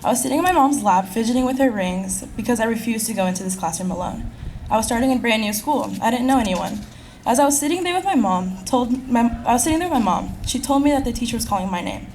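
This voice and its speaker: A teenage girl from California, a graduating high school senior, delivers a prepared speech at a school event, reading earnestly from a script at a quick clip. Her voice is on the high side, a little mellow, with lively intonation. The audio is poor, with slight background noise.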